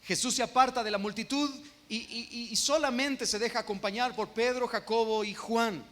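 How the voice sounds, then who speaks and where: A man with a Guatemalan Spanish accent preaching an expository sermon as pastor, emphatic and slowing down on key phrases. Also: very high-pitched, steady tone, a bit bright. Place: church sanctuary. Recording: long reverb of a church hall.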